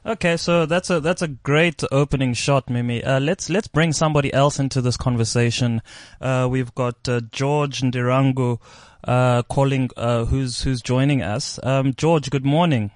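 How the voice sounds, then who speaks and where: A man's voice: mid-range voice, fairly even intonation, moderate pace, no echo, studio quality. Probing South African male host. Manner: probing, with many restarts. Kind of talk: studio interview. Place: radio studio.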